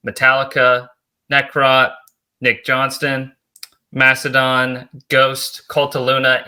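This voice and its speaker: A man hosts a relaxed interview podcast. His voice is very bright and forward, at an ordinary middle pitch. He talks in a loose, easygoing way, padding his questions with casual fillers. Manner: laid-back, friendly filler-heavy talk. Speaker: podcast host.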